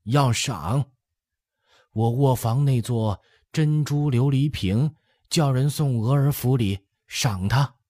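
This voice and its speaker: A man voicing an eighty-year-old empress dowager who gently lectures her son in an audiobook. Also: medium pitch, no room sound, studio quality, pitched above the performer's own voice. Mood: motherly. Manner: soothing, lecturing, drawn-out chatty. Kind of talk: audiobook character voice.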